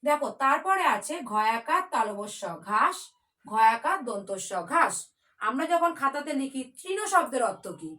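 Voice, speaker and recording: A woman's voice: high voice, lively intonation, normal speed, sharp tone. A woman teaching a children's spelling class in a patient, coaxing way, spelling words out letter by letter.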